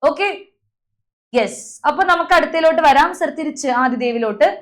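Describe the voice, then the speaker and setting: A woman's voice: high voice, fairly quick. A young woman teacher leading an online class, calling on students by name and drilling letter sounds over a video call.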